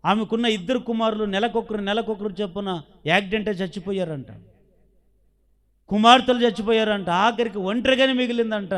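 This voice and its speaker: A man's voice: high-pitched, brisk, a bit bright. A man with a Telugu accent preaching a sermon as pastor, asking the congregation questions and acting out the voices in the story he tells. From India. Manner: preaching with rhetorical questions, acting out quoted dialogue.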